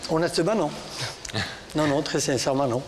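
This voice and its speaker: A man in his thirties with a strong regional French accent, speaking off the cuff and haltingly as a studio guest. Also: fairly high pitch, slight background noise. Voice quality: halting speech. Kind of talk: unscripted talk. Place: television studio with audience. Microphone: lapel.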